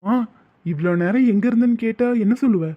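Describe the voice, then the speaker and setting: A man voicing a calm, secretive young village man in a cartoon, coaxing and low-key. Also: a little fast. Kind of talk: cartoon voice acting. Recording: muffled lo-fi audio with faint music.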